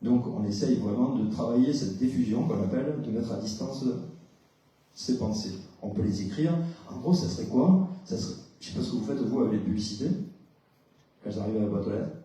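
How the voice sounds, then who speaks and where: Very dark-voiced man lecturing in an echoey hall. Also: mid-range voice, brisk. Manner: explanatory, questions the audience, many hesitations. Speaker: psychologist giving a talk. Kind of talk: conference talk with audience exchange. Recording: very echoey hall, distant mic.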